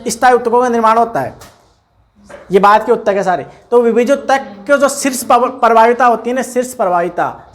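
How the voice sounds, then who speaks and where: A man's voice: high voice, a bit bright. A man teaching a classroom biology lesson, repeating key terms and telling students to look and write along. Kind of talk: classroom biology lecture, dictating notes.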